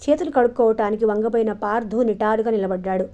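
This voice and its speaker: A woman's voice: a little high, fast, lo-fi sound. Woman reading an audio novel. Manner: steady storytelling reading. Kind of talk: scripted narration.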